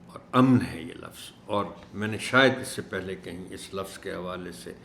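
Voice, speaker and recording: A man teaching an Urdu lesson for teachers, speaking in a measured way and slowing down to stress each word he corrects. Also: sits low, vocal fry, fairly bright tone, a little hiss or hum. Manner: measured, stresses words slowly when correcting pronunciation. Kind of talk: instructional video lesson. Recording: echoey room.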